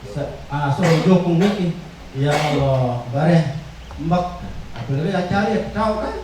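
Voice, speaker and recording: A man teaching a workshop on traditional verse, explaining slowly with many fillers and repeated words. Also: a little high, noisy background. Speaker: workshop instructor. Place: workshop room. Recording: echoey room, far from the mic.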